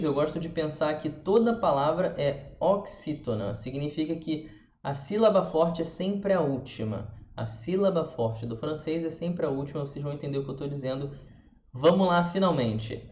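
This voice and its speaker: A man with a Brazilian Portuguese accent teaching a pronunciation lesson, demonstrating sounds slowly and repeating them for the viewer. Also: on the high side, darkish tone. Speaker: language teacher. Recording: roomy, dull lo-fi sound.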